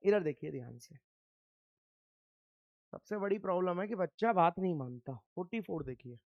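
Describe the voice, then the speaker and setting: Speaking at a moderate pace, an animated man whose voice sits high teaches chemistry, quizzing students and then answering his own questions. He firmly scolds them to stay attentive, heard through a lo-fi recording with no echo.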